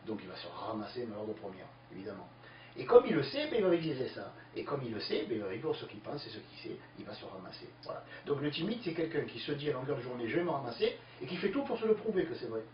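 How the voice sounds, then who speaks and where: Fast-talking man in an echoey room. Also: medium pitch, soft background music. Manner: lively, emphatic, many fillers. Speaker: speaker answering listener questions. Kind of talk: explanatory talk. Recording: distant, echoey, dull lo-fi with faint hiss.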